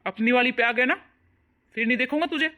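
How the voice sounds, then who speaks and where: A voice actor playing a young husband and protective son in a cartoon, loud and scolding. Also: medium pitch, quick pace, natural voice. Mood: angry. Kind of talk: cartoon voice acting.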